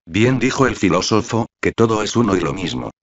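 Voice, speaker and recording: A man's voice: fairly low pitch, sing-song, brisk, muffled recording. A man reading a smug, talkative young man who lectures his rival ironically in an audiobook. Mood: ironic.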